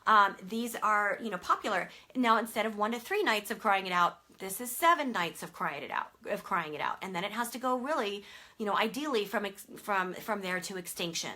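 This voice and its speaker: A woman's voice: medium pitch, expressive, brisk, bright, forceful tone. A woman sleep consultant explaining a method to parents in a conversational way, with many fillers and emphatic stresses.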